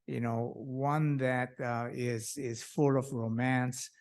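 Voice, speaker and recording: A man's voice: mid-range voice, little pitch movement, slow pace. A man with a mid-range voice responds to a lecture off the cuff. He sounds enthusiastic and keeps reaching for words, repeating himself and adding small fillers as he thinks aloud.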